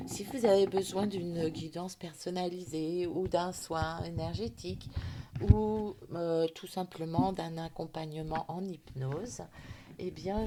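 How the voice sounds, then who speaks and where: A woman gives a gentle, hesitant intuitive oracle card reading for her viewers, with many fillers and affectionate words. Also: medium pitch, noisy background. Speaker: intuitive card reader and hypnotherapist.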